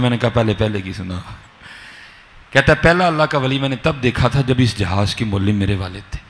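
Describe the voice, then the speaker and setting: A man from Pakistan, an Islamic scholar giving a sermon and acting out the dialogue of his story with a lively, swinging delivery. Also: fairly low pitch. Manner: animated storyteller, acts out dialogue, swings between soft and loud.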